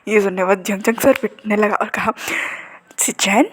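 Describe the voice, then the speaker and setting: A woman's voice: mid-range voice, flat delivery, fast talker. A woman storyteller casually retelling a fan-fiction story, chatty and loose, with fillers and self-corrections.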